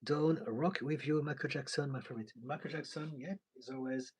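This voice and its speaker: A Frenchman with a French accent, a tired therapist, chats casually on a live stream from his London home, reading out viewer comments and laughing often. His medium-pitched voice is a little fast and breathy, with fairly even intonation. He's chatty and drops in soft asides.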